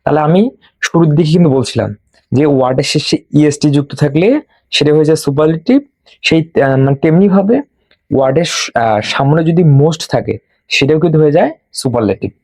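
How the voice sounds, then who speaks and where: Bengali grammar teacher guy, slow repeating drill style, dark mellow voice, dry close sound. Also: a little high, no echo. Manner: slow and drilling, repeats rules for students to memorize. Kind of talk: classroom lesson.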